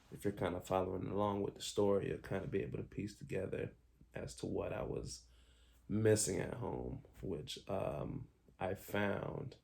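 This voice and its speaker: Here a young man from Haiti shares his life story with candor and reflection, speaking in a low, gravelly, dark-toned voice. His telling is full of ums, restarts, and self-corrections.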